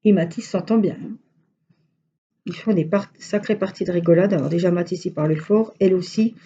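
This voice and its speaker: A woman's voice: fairly low pitch, fairly quick, dark tone, lo-fi sound, slight background noise. A woman with a Franche-Comté French accent, chatting casually and rambling to her viewers as a crochet vlogger.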